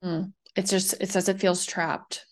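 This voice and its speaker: A woman in her thirties taking part in a therapy session, answering quietly and hesitantly and repeating the phrases she is given. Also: fairly low pitch, flat delivery, a little slow, studio quality. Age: 30s. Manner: quiet, hesitant, echoing the prompts back.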